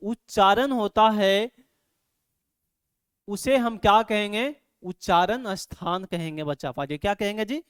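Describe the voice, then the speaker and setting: A man teaching an online grammar lesson, asking his students questions over and over and loudly sounding out syllables for them to repeat. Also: high-pitched, unhurried, clear, resonant tone, no room sound, clean studio sound. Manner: repeats "ठीक है" and quizzes students constantly; drills syllables aloud, louder on examples. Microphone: microphone.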